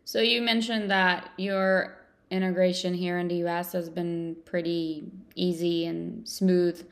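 A woman speaks as a podcast host with a noticeable vocal fry. Her pitch is average and stays fairly even as she chats and puts questions to a guest. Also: a little slow. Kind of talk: conversational interviewing.

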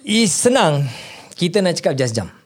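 A man's voice: a little high, sing-song, normal speed. A Singaporean man hosting a casual interview in colloquial Singlish, switching between English and Malay and punctuating with okay and eh. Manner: colloquial, emphatic check-words like okay, eh and right. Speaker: podcast host.

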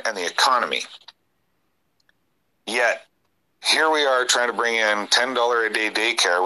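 A man's voice: medium pitch, pushed and bright, rough recording. A middle-aged man, co-hosting a casual political talk show in an earnest, opinionated way. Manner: opinionated, earnest, sighs between points.

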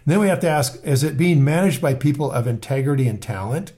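A man's voice: on the high side, animated, fast, warm tone. An older man co-hosting a podcast, teaching investing in an earnest, rambling way with frequent restarts. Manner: earnest, rambling, self-correcting. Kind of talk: casual podcast chat.

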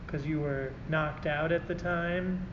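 A man's voice: fairly high pitch, steady tone, slow. A man chatting casually as a player at a tabletop game. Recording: echoey hall, muffled, noisy background.

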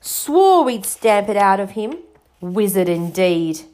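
A woman's voice: mid-range voice, sing-song, slow pace, dark tone. A woman plays an angry middle-aged uncle from a storybook. He blusters with open contempt. Every word is scornful and indignant.

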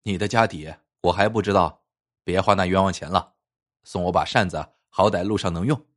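A man reading the part of a nervous young male scholar who quietly begs his friend for help. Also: low-pitched, fairly quick. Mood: teasing.

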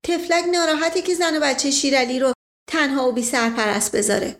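A woman's voice: high-pitched, fairly even intonation, pitched above the performer's own voice. A woman voicing a fiery older noblewoman who talks bluntly and scolds. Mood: scheming.

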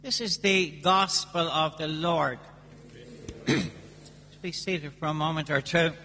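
A man speaking as a priest at Mass, reading scripture and preaching with measured, deliberate pauses in a cathedral-like echo. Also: fairly high pitch, fairly even intonation, pushed and bright, a little hiss or hum. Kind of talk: liturgical reading and sermon. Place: large church during a service. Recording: long cathedral-like church echo.

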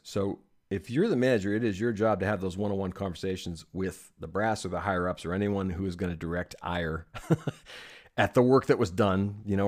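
A man's voice: low-pitched, darkish tone. A man speaking as a podcast guest, giving emphatic advice in casual conversation and checking in with "okay?" and "right?".

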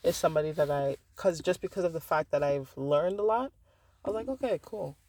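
A woman's voice: low voice, a little fast, a little mellow. A woman vlogger candidly telling a personal story, frank and profane, with lots of fillers and restarts.

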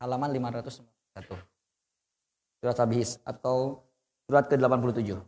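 A man's voice: mid-range voice, fast talker, darkish tone, in a large hall. A young man teaching adults to read the Quran, patiently correcting their recitation. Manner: patient, corrective, demonstrates then explains.

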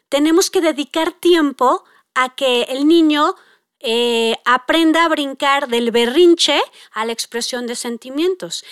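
Middle-aged woman, Mexican accent, parenting educator; high, conversational, dry close sound. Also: no echo. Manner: conversational, with frequent tag questions. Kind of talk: talk to parents.

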